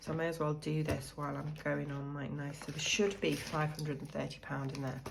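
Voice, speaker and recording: Deep-voiced and flat, with vocal fry, a British woman talks fairly quickly over a noisy background. Her croakiness comes from a cold, and as a budgeting vlogger she chats casually, thinking aloud while sorting cash into envelopes.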